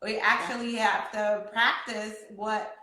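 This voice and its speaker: Woman, laughter yoga teacher, earnest, halting, roomy echo. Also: medium pitch, flat delivery, bright, forceful tone. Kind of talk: casual chat.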